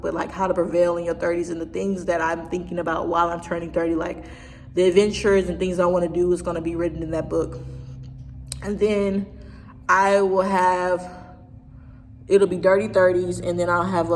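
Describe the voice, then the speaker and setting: A woman in her twenties talking casually to her viewers in a rambling vlog, often restarting and trailing off. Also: lowish voice. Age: 20s. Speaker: vlogger. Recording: distant hall reverb, faint noise.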